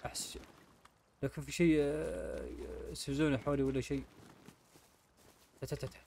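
A man's voice: on the high side, level tone, moderate pace, gravelly, a little mellow, a little hiss or hum. A man hosting his gaming channel, chatting casually to viewers while he plays. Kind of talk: casual game commentary.

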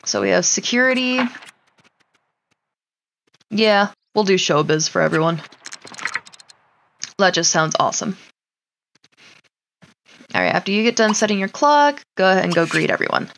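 A woman's medium-pitched, sing-song, slightly bright voice carries a casual Let's Play of a life simulation game at normal speed, broken by long pauses. As a streamer she chats to herself and the characters, with clear background noise and mouse clicks behind her.

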